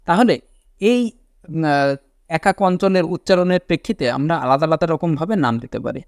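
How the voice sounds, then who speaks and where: A man's voice: fairly high pitch, moderate pace, dry recording. Man teaching in a dry room. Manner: repeats key words, asks and answers his own questions, frequent "ঠিক আছে?" checks. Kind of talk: classroom lecture.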